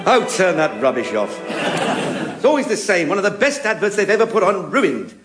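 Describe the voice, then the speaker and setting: A blustering, self-important Englishman grumbles sarcastically and gets carried away. His voice sits fairly high. It comes through as an echoey old radio broadcast with music behind. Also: very animated, moderate pace. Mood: grumbling. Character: blustering, pompous, know-all Englishman. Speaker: lead comedian. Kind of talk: 1950s radio comedy acting.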